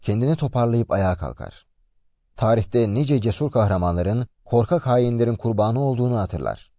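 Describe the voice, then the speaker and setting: A man retelling a story aloud in a lively, expressive way. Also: mid-range voice, moderate pace, no room sound, studio quality. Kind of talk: narrated story summary.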